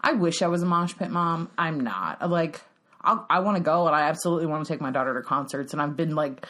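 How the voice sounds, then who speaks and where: A woman's voice: deep voice, fast, fairly bright tone. A woman in her thirties co-hosting a podcast in casual chat, laughing often and slipping into playful voices. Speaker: podcast co-host.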